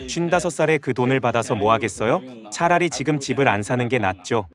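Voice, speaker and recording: A man's voice: mid-range voice, animated, brisk. A man in his twenties, answering interview questions bluntly. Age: 20s.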